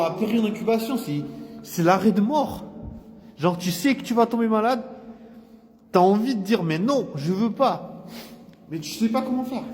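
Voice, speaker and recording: Recorded outdoors with slight background noise, this young vlogger has a voice that sits high and a little mellow. Rambling and slangy, he pokes fun at himself while describing his day, feeling cold and like he's catching a bug.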